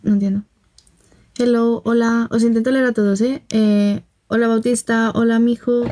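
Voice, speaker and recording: A woman's voice: a little high, level tone, moderate pace, dark tone. A young woman from Spain with a Barcelona accent, chatting casually on a phone livestream, telling gossipy stories, laughing often and greeting viewers. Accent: Spanish from Barcelona. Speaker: livestream host. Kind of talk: casual livestream chat, reading comments.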